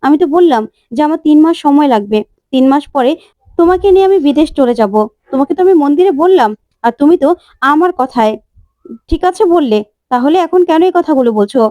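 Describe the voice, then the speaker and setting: A woman storyteller doing an earnest young groom who pleads for another chance, spoken high and fast. The voice is dark and soft, recorded dry. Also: animated, no room sound. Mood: insistent.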